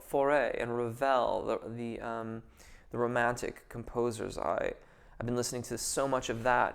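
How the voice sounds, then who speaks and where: During a casual live Q&A, a vocal coach answers viewer questions in a clean, mid-range voice with vocal fry. He's thoughtful and hesitant, stumbling through fillers and restarts before giving careful technical explanations.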